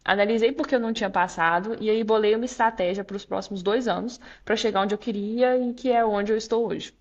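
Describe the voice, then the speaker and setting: Speaking fast in a mid-range, darkish voice on lo-fi audio, a young law graduate student from Minas Gerais, Brazil, appears as a guest in a casual interview. Her Minas Gerais Portuguese storytelling is candid and reflective, dotted with "é" fillers and laughter.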